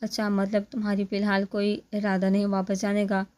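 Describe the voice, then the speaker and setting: A woman's voice: mid-range voice, completely flat delivery, brisk, darkish tone, smooth, close to an everyday voice. A woman voicing a talkative young man who keeps teasing his friends, in a chatty, joking manner.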